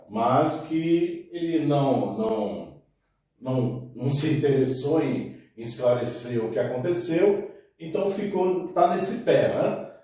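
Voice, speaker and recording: A man's voice: mid-range voice, warm tone. Man commentating news in an echoey room. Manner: frequent "né" tags and self-restarts. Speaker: news commentator on a podcast panel. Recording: very echoey room, mic at a distance.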